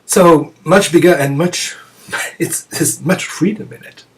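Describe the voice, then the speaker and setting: A man giving a reflective Zen teaching talk to students, musing aloud with many pauses and soft chuckles. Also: on the high side. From France. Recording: voice picked up from a distance.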